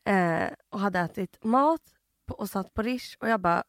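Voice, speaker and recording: A young woman co-hosting a podcast, talking emotionally and laughing often, with quick swings between loud and quiet. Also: medium pitch, no echo, clean studio sound. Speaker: podcast co-host. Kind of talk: casual chat.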